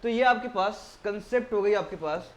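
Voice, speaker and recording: एक पुरुष शिक्षक इंजीनियरिंग परीक्षा की कक्षा में व्याख्यान दे रहा है। वह अक्सर कक्षा से सवाल पूछता है और खुद ही जवाब देता है। वह मुख्य शब्दों को बार-बार दोहराता है।. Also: male voice, sits high, moderate pace, a bit bright. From India. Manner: asks the class questions and answers them himself; keeps repeating key terms. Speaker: engineering exam tutor. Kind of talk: classroom lecture.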